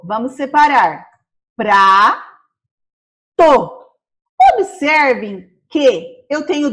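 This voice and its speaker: Slow, sing-song Brazilian woman teacher. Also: high-pitched. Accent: Brazilian Portuguese. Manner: slow, syllable-by-syllable explaining. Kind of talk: primary school lesson.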